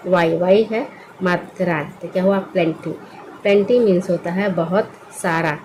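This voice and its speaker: Patiently working through a slow English spelling lesson word by word, a woman asks questions and then answers them herself. Her medium-pitched voice is a little mellow, and the poor audio carries slight background noise.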